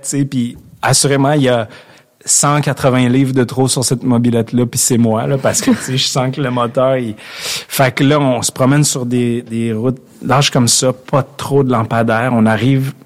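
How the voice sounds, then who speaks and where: A man with a Québécois French accent spins a rambling, self-mocking story as a podcast guest. His pitch sits in the middle range for a man. He keeps restarting his sentences and breaking into laughter. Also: flat delivery, normal speed. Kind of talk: casual storytelling chat.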